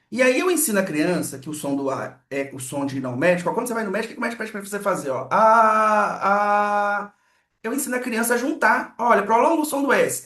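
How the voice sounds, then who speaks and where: A man, teaching how letters map to sounds. He often asks "né" and acts out each sound. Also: sits high. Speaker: literacy teacher. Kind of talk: explanatory lesson with sound demonstrations. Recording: echoey room.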